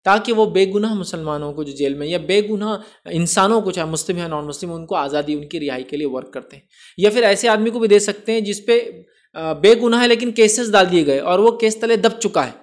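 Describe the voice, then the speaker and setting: A high-voiced Islamic speaker answers viewers' questions in a religious Q&A lecture, explaining rulings. He often checks understanding with "right?" and mixes English words into his Urdu.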